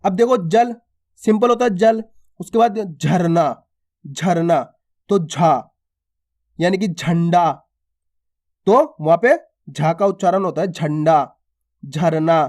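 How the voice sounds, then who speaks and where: A man giving an alphabet reading lesson. He stretches each letter sound slowly and carefully, then repeats simple example words. He talks to his viewers as friends and keeps asking whether they have understood. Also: high voice, a little mellow. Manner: addresses listeners as friends and asks if they follow. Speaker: Hindi reading teacher.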